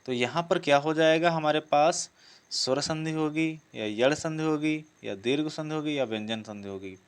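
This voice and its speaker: In this lesson, a man teaches by going over exam practice questions, reading each one again before he answers. He speaks at a moderate pace with a clean tone, his pitch on the high side.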